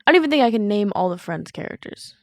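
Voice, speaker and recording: A woman's voice: medium pitch, very animated, fast talker, no echo, clean studio sound. A young adult woman co-hosting a casual podcast, talking in a laid-back, giggly way. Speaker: podcast co-host, daughter. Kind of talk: casual chat.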